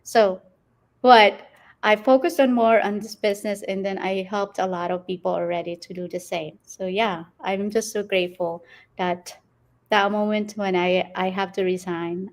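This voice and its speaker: A woman, answering interview questions as a guest, rambling and laughing often. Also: medium pitch. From Philippines. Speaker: guest entrepreneur.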